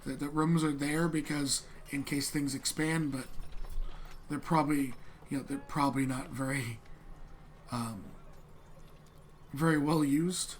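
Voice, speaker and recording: A man with a fairly high voice runs a tabletop game as its master. He narrates conversationally, hedging and pausing as he improvises. The recording has clear noise in the background. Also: fairly even intonation. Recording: clearly noisy room.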